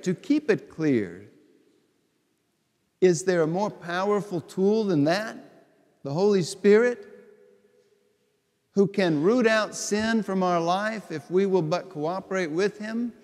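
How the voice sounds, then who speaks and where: A middle-aged bishop preaches a homily, his voice a little high and his delivery unhurried. He builds his points through repetition, and the words ring out with a long reverb from a large church. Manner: slow, deliberate, conversational preaching with repeated phrases. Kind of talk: homily at Mass. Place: large church sanctuary before the altar.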